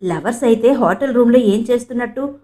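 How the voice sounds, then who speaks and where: A woman's voice: on the high side, a little fast, mellow, close to an everyday voice. Woman reading a gossipy coworker spreading town talk, audiobook.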